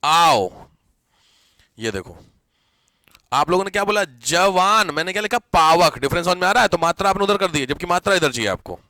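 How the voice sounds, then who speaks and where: A man's voice: high voice, a little fast, long pauses, dry recording, studio quality. A man teaching a live grammar class, quizzing and teasing his students as he goes. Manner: lively, teasing, questions students often.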